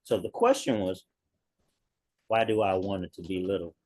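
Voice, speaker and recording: A man in a writing group sharing his reflections on a video call, slow and thoughtful, repeating key words. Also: deep voice, darkish tone, dry recording. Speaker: workshop participant.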